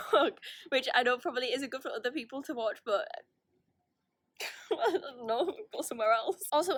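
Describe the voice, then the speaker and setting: A woman's voice: fairly high pitch, a bit bright, dry recording. A young woman chatting casually in a holiday vlog filmed on the phone in her hand, rambling and self-deprecating with frequent restarts. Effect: phone video recording. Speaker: vlogger. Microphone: phone held in hand.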